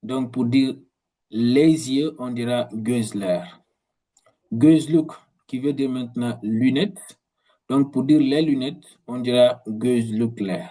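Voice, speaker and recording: A man teaching a language in a video lesson, explaining slowly and repeating words, often restarting his sentences. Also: mid-range voice, dark tone, poor audio. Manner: slow, repetitive explanations with frequent restarts.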